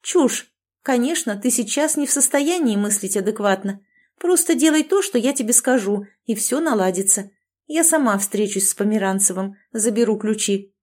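A woman's voice: medium pitch, lively intonation, moderate pace, darkish tone, lightly acted. A woman voicing a domineering, self-certain female friend who lectures and commands in a sarcastic tone, in an audiobook. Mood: bossy. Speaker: language teacher.

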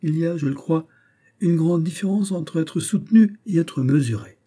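A man's voice: a little high, normal speed, warm tone, breathy edge, voice pushed up. A man voicing a vain, boastful, hulking musketeer with a pompous, self-delighted manner in an audiobook. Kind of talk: audiobook character voice.

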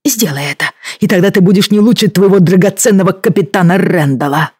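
A woman's voice: lowish voice, animated, normal speed, darkish tone, husky, dry recording, studio quality. An audiobook reader voicing a defiant young woman and former nurse, heated and indignant.

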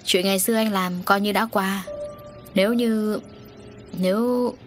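A woman's voice: medium pitch, fairly even intonation, unhurried, faint music behind, close to an everyday voice. Audiobook villain type: sarcastic, insinuating man, woman reader. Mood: sly mocking. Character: sly middle-aged man, mocking and insinuating.

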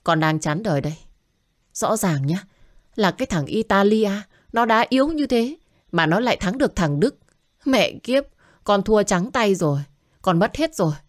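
A woman's voice: mid-range voice, lively intonation, moderate pace, no room sound, clean studio sound, pitched above the performer's own voice, close to an everyday voice. A woman voicing a drunken young man, a selfish gambler, who talks in a slurred, whiny, demanding way. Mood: bitter.

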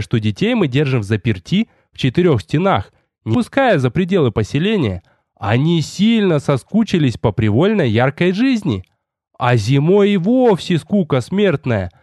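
Man, audiobook narration, animated pitch, dry close sound. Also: no room sound. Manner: lively, expressive storytelling.

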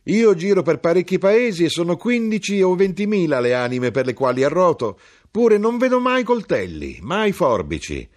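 A shouting, mocking young knife grinder. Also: male voice, high voice, very animated, normal speed, pitched above the performer's own voice. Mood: mocking shouts. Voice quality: slightly raspy. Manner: loud shouting, sneering.

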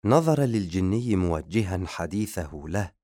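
Male audiobook narrator, very low voice, steady measured reading, dry booth sound. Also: dry recording. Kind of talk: scripted narration.

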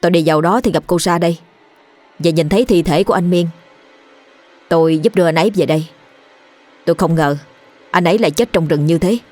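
A woman voicing an uneasy young village man who asks hurried, wary questions. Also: lowish voice, darkish tone, faint music behind, close to an everyday voice.

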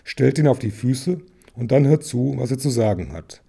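A man's voice: medium pitch, expressive, moderate pace, gravelly, dark tone, slightly rough. A man reading aloud and voicing a commanding old male wizard.

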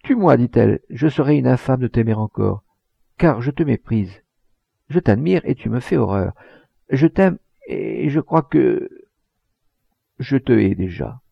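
A man's voice: mid-range voice, animated, unhurried, vocal fry, long pauses, slightly rough, no echo, voice pushed up, exaggerated voice. A man voicing a tearful young woman torn between love and scorn, in a storybook reading. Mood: anguished. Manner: torn, pleading. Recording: dull lo-fi recording.

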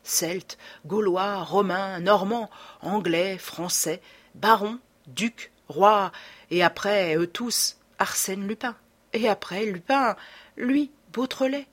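A woman reading a classic French adventure novel aloud in a measured, dramatic narration. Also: medium pitch. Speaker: audiobook narrator. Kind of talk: scripted narration.

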